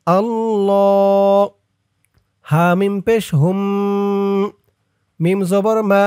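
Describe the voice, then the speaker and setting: A man's voice: high-pitched, normal speed, darkish tone, no room sound, studio quality. A man teaching viewers to pronounce a prayer, patiently repeating each syllable for them to follow. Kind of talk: spelling-out lesson of a prayer.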